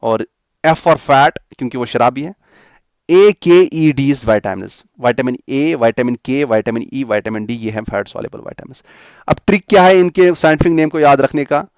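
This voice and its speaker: Male exam-prep tutor, young, who drills memory tricks slowly and again and again, in a mid-pitched voice and a dry room. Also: a little mellow, dry recording. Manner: repeats mnemonics slowly, spelling letters out. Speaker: teacher. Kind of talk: exam coaching lecture.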